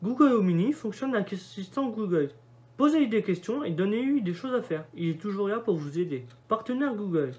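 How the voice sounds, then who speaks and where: A man's voice: sits high, expressive, a little fast. A young man reading setup prompts aloud in a casual commentary, dropping offhand remarks as he goes. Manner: reads setup prompts aloud and mutters asides. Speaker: vlogger doing a device setup.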